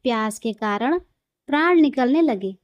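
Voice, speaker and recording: A woman narrating a devotional story in a calm, reverent, measured way. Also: on the high side, dry recording, lo-fi sound.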